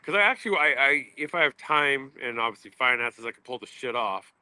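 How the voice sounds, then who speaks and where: A man's voice: medium pitch, a little fast, clear, resonant tone, dry recording. A man guesting on a casual sports podcast, talking loosely and swearing freely. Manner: loose and profane, excitable.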